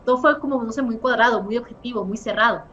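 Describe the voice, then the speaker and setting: Quick emphatic woman, philosopher guest. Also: a little high, a bit bright. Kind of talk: casual conversation. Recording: dull sound, faint noise.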